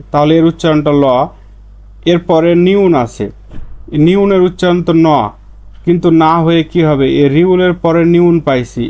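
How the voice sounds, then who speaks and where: A man teaching a language lesson, patiently repeating words slowly for learners. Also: fairly high pitch, darkish tone.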